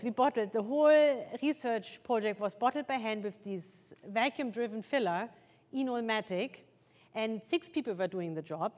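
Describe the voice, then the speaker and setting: A middle-aged woman giving a conference talk on wine research, hesitant, with many fillers and restarts, in a large lecture hall. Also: medium pitch. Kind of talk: conference presentation. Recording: long hall reverb.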